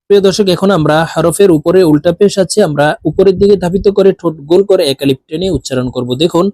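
A man teaching Quran recitation, drawing out each syllable slowly in a spelling drill and explaining rules quickly in between. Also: high-pitched, mellow, dry recording, studio quality. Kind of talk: slow spelling drill lesson.

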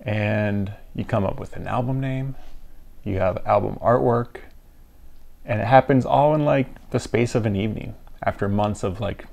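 A man's voice: medium pitch, gravelly, darkish tone, echoey room, low-quality recording. A man giving a casual band update, rambling with many fillers and a dry, self-mocking sarcasm. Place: indoors on a hot day. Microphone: no lapel mic, camera mic.

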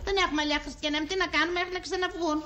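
A woman's voice: very high voice, fairly even intonation, sharp tone. An actress playing a gossiping village wife who complains and blames her husband. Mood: grumbling.

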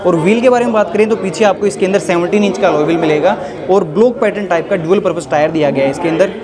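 Indian male motovlogger, quick and chatty, busy crowd noise around him outdoors. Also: high voice. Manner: chatty, peppers talk with "yaar". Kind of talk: casual bike review walkaround. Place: outdoors in a busy urban spot. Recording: noisy outdoor crowd background. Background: crowd and street bustle.

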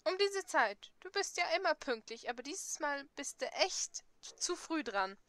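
A woman's voice: high voice, sing-song, measured pace, a bit bright, no echo, heavily acted. A woman voicing a cocky, brusque teenage boy from a dating game, teasing and curt.

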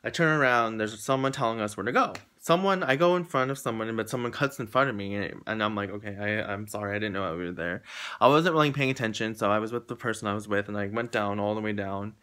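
A young man telling a story casually to his viewers, rambling and acting out what people said, his pitch jumping up high when he gets excited. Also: fast. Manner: animated, rambling, acts out quotes with jumps in pitch. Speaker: vlogger.

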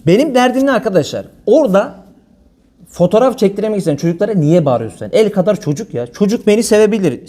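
Fast-talking high-voiced preacher man. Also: warm tone. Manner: blunt colloquial speech mixed with religious phrases. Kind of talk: informal religious talk.

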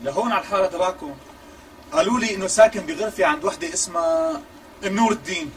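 A pushy, wheedling Syrian bargainer. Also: male voice, high voice, big pitch swings, rapid-fire, slight background noise. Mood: polite. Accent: Syrian Arabic. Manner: coaxing, wheedling, insistent. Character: smooth, pushy man bargaining hard. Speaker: persistent visitor. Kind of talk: TV comedy acting.

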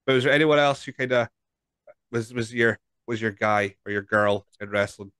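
Speaking into a large studio mic with headphones, this Scottish man in his 30s hosts a casual podcast interview by video call, chatty and tripping over repeated words. His voice is medium-pitched, moderately paced, a bit bright and smooth, with no echo.

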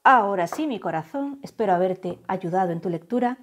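A woman from giving a tarot reading to her viewers, saying the messages she channels slowly and softly. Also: mid-range voice, expressive. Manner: slow, soft, drawn-out channeled phrases. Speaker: tarot reader. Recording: faint background music.

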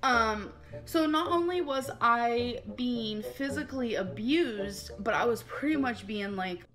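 A woman's voice: fairly high pitch, animated, a little slow, over music. A woman talking casually on a livestream, rambling and leaning on the word "like". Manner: rambling, heavy use of filler "like".

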